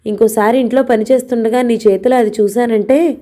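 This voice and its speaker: A woman's voice: on the high side, fairly even intonation, fairly quick, warm tone, close to an everyday voice. A woman voicing a proud, hot-tempered young woman of the house who scolds sharply. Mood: scolding.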